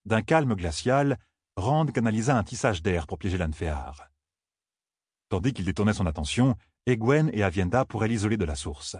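A man reading a fantasy audiobook in a steady, grave, measured way. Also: fairly low pitch, husky, dry recording, studio quality. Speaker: audiobook narrator. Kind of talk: scripted fantasy narration.

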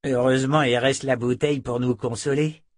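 A man's voice: mid-range voice, steady tone, normal speed, no echo, clean studio sound, pitched above the performer's own voice, lightly acted. A man voicing a crude, leering male thug who talks coarsely, in an audiobook. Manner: coarse, lewd, grumbling. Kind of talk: audiobook character voice.

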